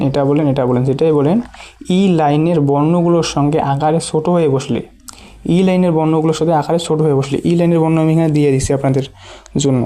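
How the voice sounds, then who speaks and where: Brief: patient language tutor, dark mellow tone, drills syllables over and over. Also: medium pitch. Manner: slow, repeats each syllable several times while writing on a board. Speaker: Japanese language teacher. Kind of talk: patient step-by-step lesson.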